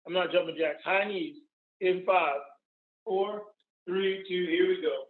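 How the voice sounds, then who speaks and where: A man with a very high-pitched voice leads a workout as a barking gym coach. He fires off short, encouraging commands and counts. The sound is thin and phone-like, in an echoey space over a video call. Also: a little slow. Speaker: fitness trainer leading a live workout. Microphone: phone or computer on a video call.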